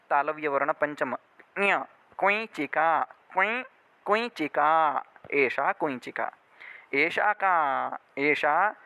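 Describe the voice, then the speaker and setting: Slow, bright-voiced male Sanskrit teacher. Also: fairly high pitch, no echo. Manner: slow, drawn-out model phrases with frequent check-ins. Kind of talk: spoken language lesson.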